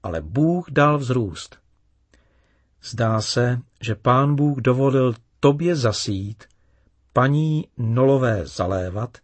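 A man voicing a kind, patient father in a children's story, calm and explaining. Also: medium pitch, no echo, close to an everyday voice.

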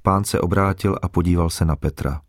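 A man reading a Bible passage aloud in a steady, solemn narrating voice. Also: deep voice, no echo, clean studio sound. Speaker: scripture reader.

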